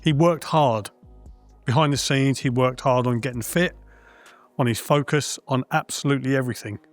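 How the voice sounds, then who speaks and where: A man speaks frankly and warmly as a darts guest in a relaxed panel discussion, leaning on fillers like "um" and "listen" as he thinks aloud. His pitch sits in the ordinary middle range. Faint music runs underneath. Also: moderate pace, no echo. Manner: frank and friendly, with many fillers and hedges. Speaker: darts guest and former player.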